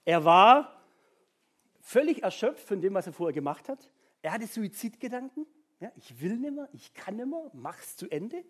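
Husky, lively preacher. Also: mid-range voice. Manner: chatty, tags nearly every sentence with a questioning "ja?"; animated storytelling with sound-effect sighs. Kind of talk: informal sermon retelling a Bible story.

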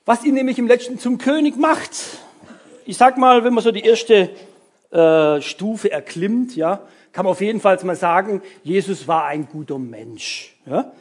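A man's voice: sits high, moderate pace. A man giving a casual sermon to young people as their youth leader, chatty and full of fillers and tag words.

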